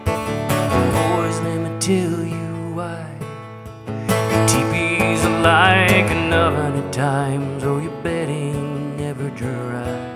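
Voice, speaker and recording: A man performing cowboy poetry in song and speech, with a drawn-out, rhythmic storytelling delivery, as a stage performer. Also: a little high, fairly even intonation. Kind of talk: cowboy poetry performed to guitar, sung and spoken. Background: acoustic guitar.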